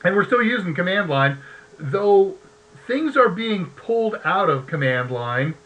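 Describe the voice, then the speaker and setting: A man's voice: sits high, big pitch swings, measured pace, a bit bright, low-quality recording. A man hosting a live tech show, chatty and easygoing, who laughs often and reads short verses aloud. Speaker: host.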